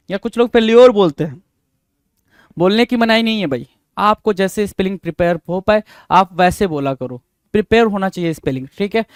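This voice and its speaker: Indian guy teaching idioms for exams, high clear voice, dry close sound, drills phrases slow. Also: dry recording. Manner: repeats phrases slowly, then quizzes the viewer. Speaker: English vocabulary teacher. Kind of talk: exam-prep vocabulary lesson.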